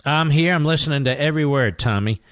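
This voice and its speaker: A man hosting a talk radio show, speaking forcefully and asking indignant rhetorical questions. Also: fairly high pitch, fast talker, no room sound. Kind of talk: talk radio monologue and call-in.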